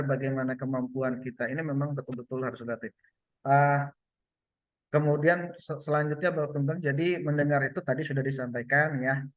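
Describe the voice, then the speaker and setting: A man's voice: mid-range voice, no room sound. A man giving a loose online training on communication, with many fillers and restarts. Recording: muffled lo-fi sound.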